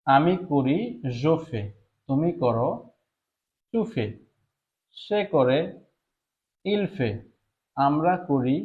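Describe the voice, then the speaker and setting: A man's voice: a little high, lo-fi sound. A man giving a live online lesson, patiently explaining French words and repeating each one several times. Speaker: French teacher.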